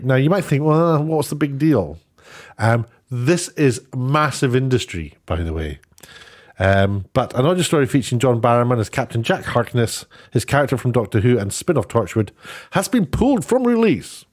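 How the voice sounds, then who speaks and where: A man with a medium-pitched, slightly mellow voice presents an online video of off-the-cuff, opinionated news commentary. He rambles and frequently rephrases himself.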